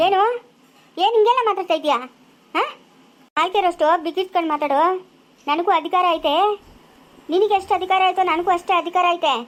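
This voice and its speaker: A woman acts an indignant village wife and daughter of the house in a homemade family drama. She scolds in a very high, piercing voice with a rural Chikkaballapura Kannada accent. She talks quickly and never lets up. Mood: scolding. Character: quarrelsome village woman fighting for her family rights.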